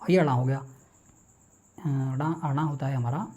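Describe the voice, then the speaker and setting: Mellow-voiced teacher drilling speech sounds. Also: male voice, mid-range voice, fairly even intonation, unhurried. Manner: asks questions and answers them himself; drills sounds by reciting them one by one. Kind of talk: classroom lecture on phonetics.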